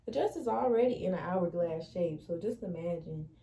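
In a small bedroom, a young woman does a casual try-on haul, sassy and slangy throughout. Her fairly low, expressive voice is warm with vocal fry at normal speed, but the audio is poor, with slight background noise, from a camera across the room.

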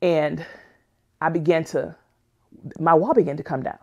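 A woman's voice: deep voice, fairly even intonation, measured pace, vocal fry, a little mellow, lo-fi sound. A woman narrating her own life story as a personal testimony, earnest and emotional in a plainspoken way. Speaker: memoir narrator.

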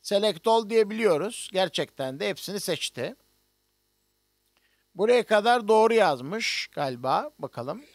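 A man's voice: high-pitched, expressive, a little slow, dry recording, clean studio sound. A middle-aged man, a music professor from Turkey, teaching an online notation lesson and explaining each step on screen with many hesitations.

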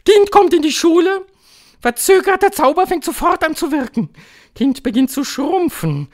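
A man voicing a cruel old female witch queen, shrill and commanding, gloating in clipped declarations for an audiobook. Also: animated, moderate pace, a little mellow. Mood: triumphant, thundering. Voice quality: shrill, thundering. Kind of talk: audiobook reading.

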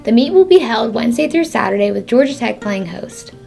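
A woman's voice: on the high side, lively intonation, fairly quick, vocal fry, darkish tone. Young woman doing student sports news, keeps flubbing and giggling, music under it. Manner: giggly, self-mocking, trips over words. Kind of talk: news-desk reading with bloopers.

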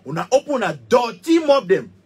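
Speaking with big pitch swings at a moderate pace, this thirtysomething musician has a very high, slightly rough, a little mellow voice and a Cameroonian Pidgin English accent. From a small studio he delivers a heated rant to camera, passionate, emphatic, repetitive, and full of gestures.

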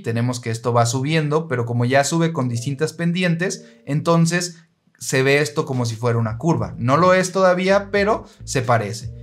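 A man with a mid-range voice gives an engineering lesson in a patient, steady manner. He speaks straight to the viewer and walks them through each step. Soft music plays faintly behind him. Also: medium pitch. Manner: patient, steady, addresses listener directly. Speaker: engineering teacher. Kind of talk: explaining structural diagrams.

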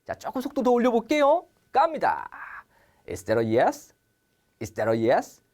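A woman teaching English grammar on a TV lesson, acting out question-and-answer pairs and drilling English phrases slowly between quicker explanations. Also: a little high, huge pitch swings, a little mellow.

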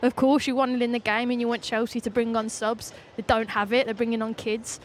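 A woman in her thirties giving quick, assertive football analysis pitchside into a handheld mic. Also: flat delivery, a little hiss or hum. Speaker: football pundit. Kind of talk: punditry analysis. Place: outdoors pitchside at a stadium.

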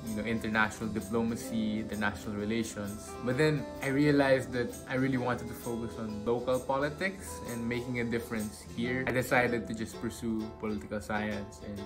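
A young man in his twenties answers interview questions from home in an earnest, thoughtful way. Music plays clearly underneath his voice. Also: mid-range voice, fairly even intonation, fairly quick, few pauses, low-quality recording. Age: 20s. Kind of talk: recorded self-introduction. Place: home room indoors.

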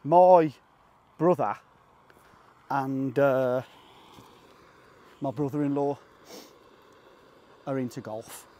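A man's voice: medium pitch, very slow, pauses often, dark tone. A man chatting casually to camera on a hike, joking about himself and talking to his dog between thoughts. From England. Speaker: vlogger. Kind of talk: casual vlog chat. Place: outdoors on a hiking trail.

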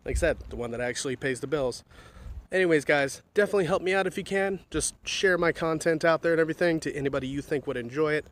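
A man's voice: on the high side, fast. A young man chatting casually to his phone camera in a vlog, rambling and swearing a lot. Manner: rambling, swears often, repeats "definitely". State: out of breath on stairs. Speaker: vlogger. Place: office building and stairwell, indoors.

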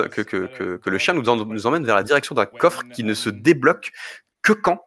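Explaining speedrun techniques one step at a time as he commentates live, a man speaks in a bright, forceful, mid-range voice. He stops and restarts haltingly and drops in light jokes along the way.

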